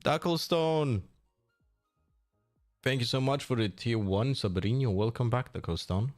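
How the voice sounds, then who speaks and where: A man casually chatting on a live stream, reading and answering chat in a relaxed, mumbling way that trails off. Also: medium pitch, measured pace, soft background music.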